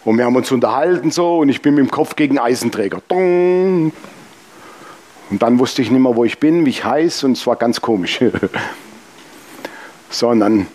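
Preaching a sermon, a man with a brisk, mid-range voice tells personal stories with humor. His delivery is lively, and he speaks directly to the congregation.

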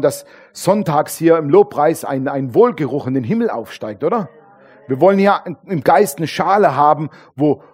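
A man preaching a sermon as pastor, acting out the voices of churchgoers and putting questions to the congregation. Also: a little high. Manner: animated, acts out voices of churchgoers; calls on the congregation with tag questions.

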